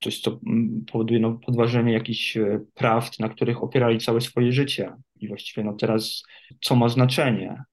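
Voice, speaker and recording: A man in the role of an addiction therapist answers questions as a guest. He speaks in a steady, nearly monotone voice, and he thinks aloud with frequent hesitations. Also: medium pitch. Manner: measured and reflective, many hesitation fillers. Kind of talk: interview guest.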